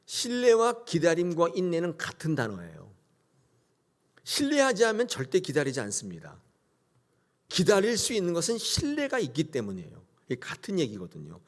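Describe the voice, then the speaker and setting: A man's voice: fairly high pitch, wildly swooping pitch, moderate pace. A man preaching a Sunday sermon as pastor, emphatic, leading the congregation to repeat after him and acting out quoted characters. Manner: acts out biblical characters in quoted voices.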